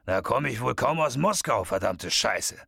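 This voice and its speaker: A man's voice: mid-range voice, animated, moderate pace, vocal fry, bright, forceful tone, breathy edge, no echo, clean studio sound, full character voice. A man voicing a brash, foul-mouthed, half-drunk bearded leprechaun in an audiobook. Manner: brash, cursing, swaggering. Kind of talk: audiobook character voice.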